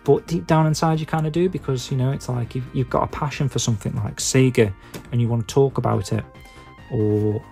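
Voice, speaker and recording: A man's voice: medium pitch, fairly even intonation, fairly quick, creaky, dark tone, soft background music. A man with a Stoke-on-Trent English accent chatting casually to his viewers, rambling in a hesitant, self-deprecating way with lots of filler phrases. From England. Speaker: YouTube video maker and podcaster.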